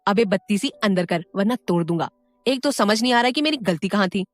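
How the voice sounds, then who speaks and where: A woman's voice: medium pitch, animated, brisk, dry recording, soft background music, lightly acted. A woman voicing a lovestruck young man who grumbles bluntly at his friend, in an audio story. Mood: grumbling.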